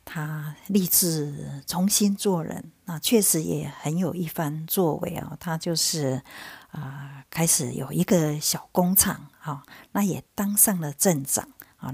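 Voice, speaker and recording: A woman's voice: deep voice, creaky, a little mellow, breathy edge, no room sound. A woman casually retelling the plot of a stage musical, full of fillers, slipping into the characters' lines as she goes. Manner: loose, chatty retelling with many fillers, acting out quoted lines. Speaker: podcast host.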